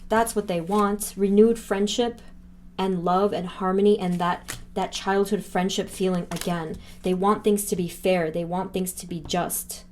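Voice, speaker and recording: A woman reading tarot cards for her viewers in an earnest, heartfelt way. She talks at an average pitch, breaks into exclamations of wonder, and fills her talk with soft fillers as she interprets each card. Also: steady tone, a little slow, slight background noise. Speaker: tarot reader.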